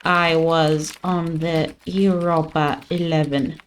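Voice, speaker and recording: This woman has a low voice with flat delivery and a slow pace, plus a little hiss or hum. She is a gaming streamer whose let's play commentary is playful and mock-dramatic, including arguments with an on-screen character during play.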